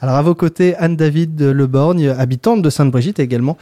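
A man hosting a radio interview, introducing guests and asking halting questions with many fillers. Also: a little high, dark tone, no echo, studio quality. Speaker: radio host.

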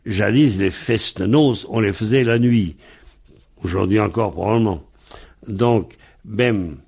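A man from Brittany teaching a Breton language lesson, spelling words out letter by letter in a deliberate way. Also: lowish voice, vocal fry, a little mellow, husky.

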